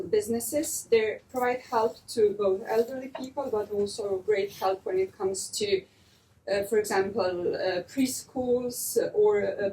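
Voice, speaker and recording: A young woman presenting a student project in a measured way, pausing on fillers. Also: mid-range voice, mellow. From Serbia. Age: young adult. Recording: distant room mic, faint ambience.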